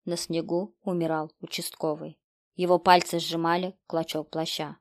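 A woman's voice: fairly low pitch, little pitch movement, moderate pace, no echo, studio quality. A woman narrating a horror story in terse, clipped, grim sentences.

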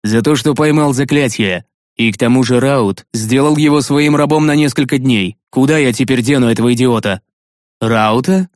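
A gruff, stern male commander, as an audiobook narrator puts him on, snapping short curt orders in an ordinary mid-range voice. The reading is close and completely dry, with no room around it. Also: medium pitch, normal speed, no echo, natural voice.

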